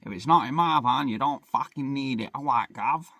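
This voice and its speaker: In his van-life vlog, a young man chats casually and rambles, swearing liberally and mocking himself. His mid-range voice is pushed and bright with vocal fry, at a moderate pace, in a dry recording.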